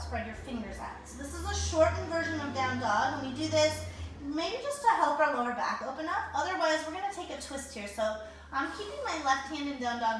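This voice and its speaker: A woman yoga instructor guiding a class at home, calmly cueing breaths and poses with encouragement. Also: high voice, a little hiss or hum. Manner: calm, encouraging breath counting. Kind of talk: guided yoga class cues. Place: home room, traffic outside. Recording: echoey room, mic far off.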